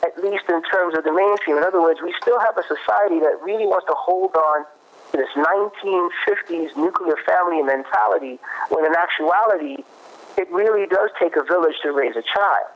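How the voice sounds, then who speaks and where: A man's voice: sits high, brisk. Thoughtful man with muffled sound. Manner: thoughtful, restarts often, cites research. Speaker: guest expert on parenting. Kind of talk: conversational explanation. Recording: muffled lo-fi audio.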